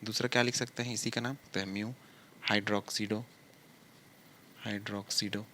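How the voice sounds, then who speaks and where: A man's voice: lowish voice, flat delivery, bright, forceful tone, slight background noise. A man teaching a chemistry lesson step by step, asking questions and answering them himself, drawing words out as he writes. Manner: drawls words out slowly while writing. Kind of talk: blackboard lesson explaining step by step.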